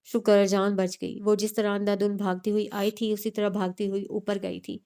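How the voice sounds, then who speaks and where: A woman narrating a novel with steady, expressive storytelling. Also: mid-range voice, normal speed, smooth. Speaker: audiobook narrator. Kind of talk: novel reading.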